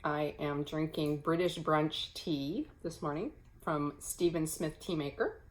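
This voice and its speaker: A woman with a somewhat low voice chats casually to camera at home, showing her stitching. She rambles, filling pauses with ums and correcting herself as she goes. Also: rough recording. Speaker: cross-stitch vlogger. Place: home, early morning.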